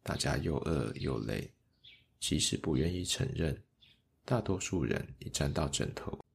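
Deep gravelly male storyteller. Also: expressive, measured pace. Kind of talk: children's story narration.

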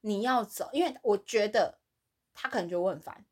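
A woman co-hosting a podcast, telling a workplace story in casual chat and acting out the other people's lines with big swings in her voice. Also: fairly quick. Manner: animated, acts out quoted voices with big pitch swings. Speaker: podcast co-host.

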